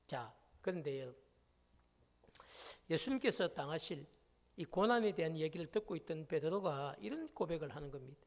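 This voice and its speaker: A man's voice: a little high, lively intonation, moderate pace, darkish tone. A male pastor preaching a sermon, emphatic and full of rhetorical questions to the congregation. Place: church sanctuary. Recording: long reverb of a church hall.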